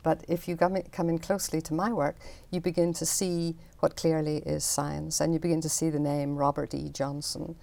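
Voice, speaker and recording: An older woman from talks through her art in an interview. Her voice sits low and mellow, with a gravelly edge. She explains things in a chatty, unhurried way. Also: flat delivery. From Northern Ireland. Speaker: artist.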